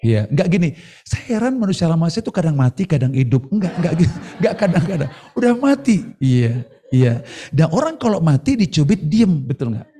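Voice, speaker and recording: A man's voice: fairly high pitch, sing-song, brisk, dark tone. A male pastor preaching at a church service streamed online, acting out bits of dialogue in a playful way. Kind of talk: sermon.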